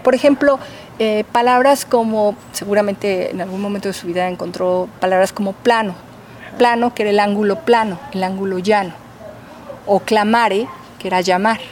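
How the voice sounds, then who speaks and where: A woman's voice: medium pitch, steady tone, normal speed, a little mellow, a little hiss or hum. A woman professor, answering interview questions in a patient, teacherly way with many fillers. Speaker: linguistics professor.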